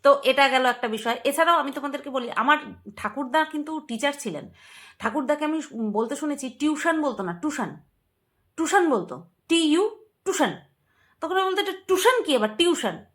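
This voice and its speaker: Bright-voiced chatty woman vlogger. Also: high-pitched, expressive, a little fast. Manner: chatty and emphatic, repeats words playfully, laughs often. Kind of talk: casual commentary to camera.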